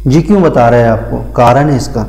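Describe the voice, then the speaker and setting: Man lecturing in a low, mellow voice. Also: fairly quick, poor audio. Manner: explains step by step, repeats key terms, asks and answers his own questions; calls students "beta". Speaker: pharmacy teacher. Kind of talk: whiteboard lecture.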